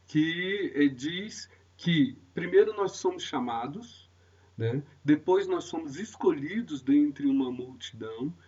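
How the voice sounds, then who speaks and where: A man with a Brazilian Portuguese accent teaching a Bible study lesson, speaking in a slow, halting way with many fillers and restarts. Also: a little high, a little mellow, husky, recorded from a distance, lo-fi sound.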